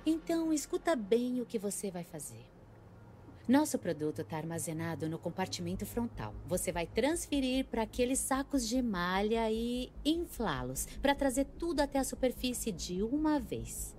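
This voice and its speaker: A woman's voice: a little high, very animated, normal speed, a little mellow. An actress with a Brazilian accent dubbing a cool, commanding female drug smuggler in a film thriller. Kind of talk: dubbed film thriller acting.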